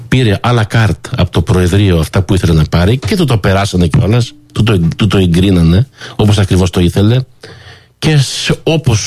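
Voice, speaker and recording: A man hosting a talk show who tells a story with animated commentary and acts out the people he quotes in a higher voice. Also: breathy edge, no echo. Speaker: radio show host.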